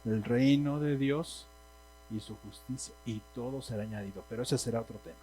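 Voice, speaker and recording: A man's voice: mid-range voice, normal speed, mellow, slight background noise, poor audio. A man with a Mexican Spanish accent preaching a sermon in a church, speaking emphatically and asking the congregation questions. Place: church hall.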